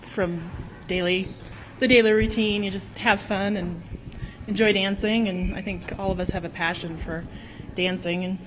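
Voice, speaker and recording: A woman's voice: mid-range voice, steady tone, normal speed. Cheerful woman in a noisy rec room. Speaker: dance class member. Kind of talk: casual interview.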